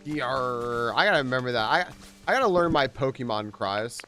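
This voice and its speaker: With faint music behind him, a man streams a video game live at normal speed in a mid-range voice. He's excitable, chatting with viewers, cheering at on-screen events and talking to the characters in casual commentary.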